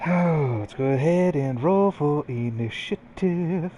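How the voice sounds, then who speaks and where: Lively man running a tabletop game. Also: fairly high pitch, slow. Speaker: game master. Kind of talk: casual tabletop game hosting. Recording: faint background noise, online voice chat.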